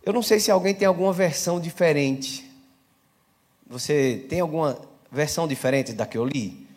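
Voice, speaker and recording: A man's voice: on the high side, normal speed, a little mellow. A male pastor giving a live church sermon, talking conversationally, asking the congregation questions and building to emphatic preaching. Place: church service.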